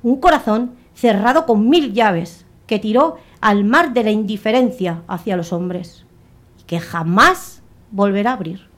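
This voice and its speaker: A woman telling a dark story as a dramatic narration, slowing down and building up on the tense moments. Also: mid-range voice. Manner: expressive, slows and swells on dramatic moments.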